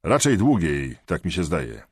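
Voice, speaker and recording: A disciplined Marine sergeant gives short, formal reports, composed yet loud and out of breath, as a male audiobook narrator puts him on. His husky voice is raised above the narrator's low register, and the sound is dry and close. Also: animated, moderate pace, no echo. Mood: reporting.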